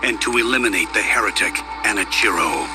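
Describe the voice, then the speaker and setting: A man's voice: lowish voice, expressive, brisk, music in the background. An actor playing a stern, cold government enforcer in a game, his voice run through a robotic, metallic filter, speaking in a formal, commanding way. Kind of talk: game cutscene voice acting.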